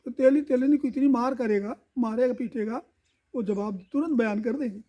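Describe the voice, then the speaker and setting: A man telling a devotional folk tale in a lively oral style, repeating sound words. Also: very high-pitched, normal speed. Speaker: storyteller.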